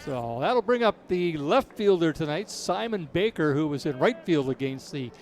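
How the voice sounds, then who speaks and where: A man's voice: on the high side, very animated, moderate pace. A man doing casual, conversational play-by-play of a baseball game. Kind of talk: casual conversational sports commentary.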